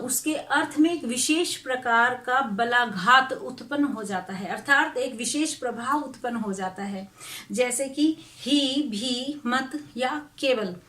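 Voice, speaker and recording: A middle-aged woman with a high voice gives a Hindi grammar lesson online. She speaks slowly and carefully, working through example sentences and pausing on soft fillers. The sound is roomy and echoey, and her voice sits a little off the mic. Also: far from the mic. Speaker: Hindi teacher.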